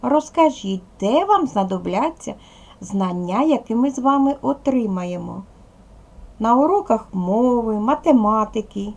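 A woman teacher with a Ukrainian accent, giving a slow and clear lesson to young pupils and spelling out sounds one by one. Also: fairly high pitch, expressive. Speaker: primary school teacher. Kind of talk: slow, clear classroom instruction.

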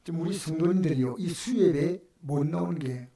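An older man with a Gyeongsang Korean accent preaching a sermon as pastor, swinging from loud exclamations to hushed whispers. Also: a little high, brisk, reverberant. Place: church sanctuary.

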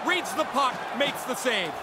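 High-pitched male color commentator. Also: a little slow, very noisy. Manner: relaxed analytical remarks. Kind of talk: video game color commentary. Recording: game audio with loud music.

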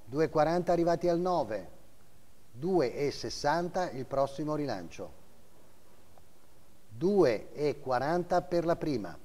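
A man's voice: fairly high pitch, expressive, slow pace, long pauses, a little mellow, in a large hall. A middle-aged man working as an auctioneer, calling bids and lot numbers live in short clipped phrases, often repeating the figures. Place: auction house room, seated behind a desk, indoors.

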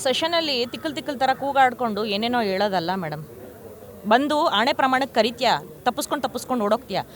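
A woman's voice: a little high, lively intonation, fast talker. A woman from Karnataka, speaking at a press conference and making fierce, repetitive accusations. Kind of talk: angry press statement.

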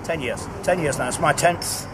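A man in his fifties from Northern Ireland, a street busker chatting casually outdoors at night, relaxed and repeating his phrases. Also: fairly high pitch, normal speed, noisy background. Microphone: handheld camera close up. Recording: loud guitar and music around.

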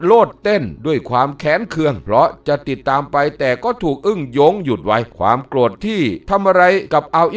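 A man narrating an audiobook of a martial arts novel in a steady storytelling cadence. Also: a little high. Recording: distant mic with faint music.

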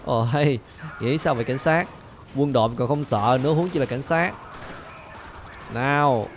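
A man hosting a gaming channel, chattering excitedly to viewers as he plays and repeating his phrases, with faint game gunfire behind him. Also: medium pitch, noisy background. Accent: Vietnamese. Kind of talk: excited gameplay commentary.

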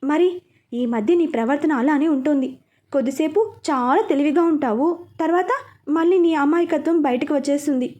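A woman's voice: sits high, normal speed, mellow, natural voice. A woman voicing a teasing young woman, the heroine's friend and sister-in-law, in storybook dialogue with a playful, bossy manner. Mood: exasperated teasing.

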